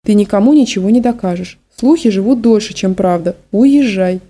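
A woman's voice: medium pitch, lively intonation, normal speed, dark tone, natural voice. Woman reading a stern, weary school director. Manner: firm, resigned.

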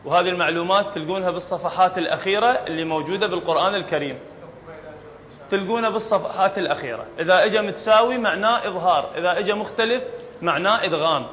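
Iraqi male tajweed teacher, high voice, explanatory classroom delivery, muffled recording in a reverberant room. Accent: Iraqi Arabic. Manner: explanatory, often checks understanding with the class. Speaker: Quran recitation teacher. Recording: dull lo-fi recording in a reverberant hall, faint background noise.

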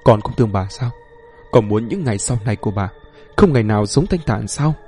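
A man voicing a tearful old grandmother in her seventies or older, pleading and gentle. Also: on the low side, lively intonation, brisk, soft background music.

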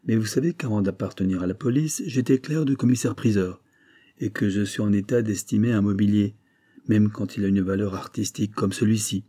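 A man with a husky voice voicing a calm, gently polite police commissioner in an audiobook. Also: fairly low pitch, fairly quick, close to an everyday voice.

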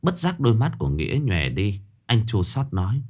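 A man narrating a horror story in a dramatic, expressive scripted style. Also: fairly low pitch, moderate pace.

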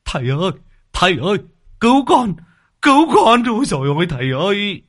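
A man's voice: sits high, big pitch swings, brisk, fairly bright tone, pitched above the performer's own voice, full character voice. A man voicing a panicked old man, pleading and yelping in a told story. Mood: terrified.

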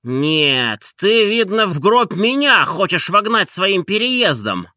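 A man reading an audiobook and voicing an irritable, idle gentleman who scolds his servant in an exasperated tone. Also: sits high, big pitch swings, slow, no echo, studio quality, voice pushed up, heavily acted. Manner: exasperated, petulant.

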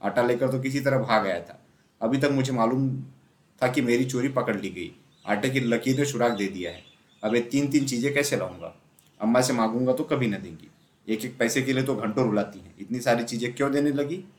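A man narrating a classic children's story aloud in a steady storytelling manner. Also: mid-range voice, brisk. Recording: roomy echo.

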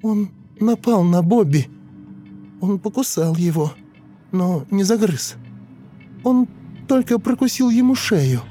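A man voicing a grown woman regressed to a shrill, sobbing ten-year-old girl in a dramatic audiobook reading. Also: lively intonation, takes it slowly, long pauses, mellow, faint music behind. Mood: sobbing, hateful. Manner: high shrill childish wailing, pleading and vengeful.

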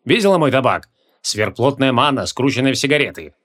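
A male audiobook reader voicing a stern, grumbling male archmage who lectures in a gruff way. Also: mid-range voice, big pitch swings, brisk, fairly bright tone. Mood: lecturing.

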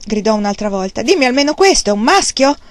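A proud young farmer shouting out his joy as a new father, voiced by a woman reading the story. His voice is loud and triumphant, pitched well above her own. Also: steady tone, moderate pace, no echo, natural voice. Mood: excited. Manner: exclaiming loudly, triumphant.

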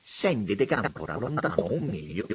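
Mocking, brisk aristocratic older man, deep and husky, put on by the narrator. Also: exaggerated voice. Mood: teasing. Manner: mocking, lively.

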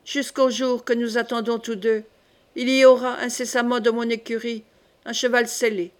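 Scheming queen mother, measured and quiet, a little high, read by a woman. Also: level tone, lightly acted. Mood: calm.

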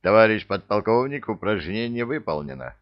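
A man's voice: on the low side, very animated, moderate pace, no echo, highs cut off. A man voicing a modest, earnest young soldier.

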